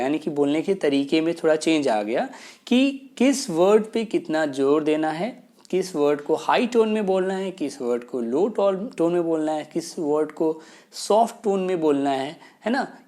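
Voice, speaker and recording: Male teacher, patient and explanatory, casual talk-to-camera delivery, slows down for key points. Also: a little high, a little mellow. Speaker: English teacher. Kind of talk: casual spoken lesson, mixing Hindi and English.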